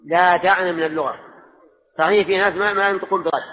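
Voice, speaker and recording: High-voiced man teaching in echoing mosque. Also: fairly even intonation, rapid-fire. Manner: quizzes students and presses them for answers. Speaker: religious scholar teaching a lesson. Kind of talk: question-and-answer religious lesson. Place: large mosque hall. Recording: dull lo-fi recording with long hall reverb.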